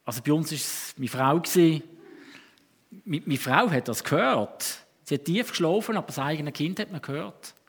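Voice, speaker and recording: A man's voice: a little high, moderate pace, breathy edge. A man with a Swiss German accent preaching a sermon in a conversational, storytelling way, often breaking off and restarting.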